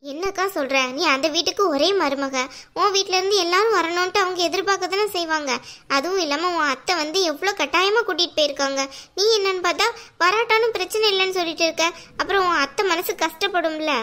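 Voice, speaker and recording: A woman's voice: extremely high pitch, fast, bright, forceful tone. A woman voicing a cheeky, argumentative younger sister in a cartoon who needles her elder sister. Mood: needling.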